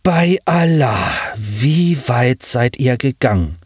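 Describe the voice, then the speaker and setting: A man's voice: mid-range voice, big pitch swings, slow, a little mellow, slightly rough, dry recording, studio quality, heavily acted. A man voicing a caring young man who murmurs earnest, devout lines.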